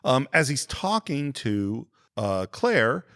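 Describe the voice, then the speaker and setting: A man's voice: mid-range voice, very animated, takes it slowly, fairly bright tone. Man recapping a film scene by scene. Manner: recaps scenes, acts out the lines. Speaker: podcast host. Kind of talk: casual film review chat.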